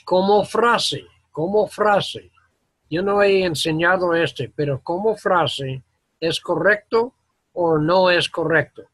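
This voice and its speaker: A male English teacher with a hoarse, unhurried voice that sits high and is a little bright, with no room sound. During a classroom grammar lesson, he halts as he explains, weaving English words into his Spanish.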